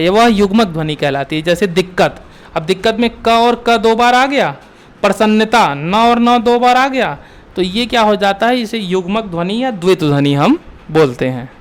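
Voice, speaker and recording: Young male exam tutor, high crisp voice, quizzes the class and answers himself, repeats terms. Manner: asks questions then answers them himself; repeats key terms for drilling. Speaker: Hindi exam teacher. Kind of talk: exam-prep lesson.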